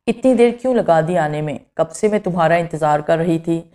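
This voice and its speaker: A woman's voice: low voice, mellow, close to an everyday voice. A woman reading the lines of an affectionate, playful young woman in love, in a storybook reading. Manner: affectionate, teasing.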